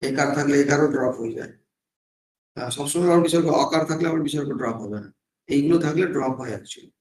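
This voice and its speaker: Man, monk, scripture teacher, fairly high voice, echoey room, explains patiently. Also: fast talker, a little mellow. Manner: explanatory, mixes English words into Bengali; asks and answers his own questions. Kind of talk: scripture class lecture.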